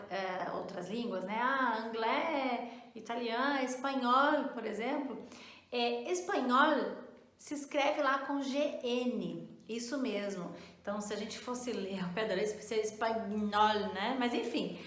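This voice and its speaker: A fairly high-voiced woman teaches a relaxed spoken lesson. She explains things patiently, often checks that the listener is following, and slows down to model each word carefully. Her voice rings around an echoey room. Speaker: French teacher.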